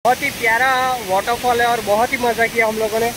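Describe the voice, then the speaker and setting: A young man vlogging casually outdoors in the rain, excitedly pointing out the waterfalls to viewers as he films on a handheld camera. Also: very high-pitched, quick pace. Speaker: travel vlogger. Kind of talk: casual travel vlog. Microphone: handheld phone or action camera. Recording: loud outdoor noise of rain and falling water.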